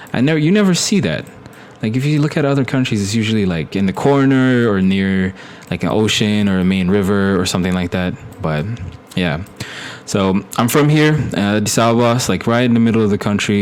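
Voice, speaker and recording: A young man from Ethiopia chatting casually on a live stream, rambling with many fillers and restarts. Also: fairly low pitch.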